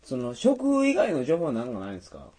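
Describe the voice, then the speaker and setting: A man's voice: mid-range voice, wildly swooping pitch, fairly quick, warm tone, slightly rough. A man with a Tosa accent chatting casually as a podcast co-host, teasing and quizzing his partner. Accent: Tosa (Kochi) Japanese. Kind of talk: casual chat.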